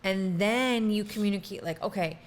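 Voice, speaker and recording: A woman's voice: medium pitch, expressive, moderate pace. A woman co-hosting a podcast, talking bluntly and frankly in casual chat. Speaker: podcast co-host.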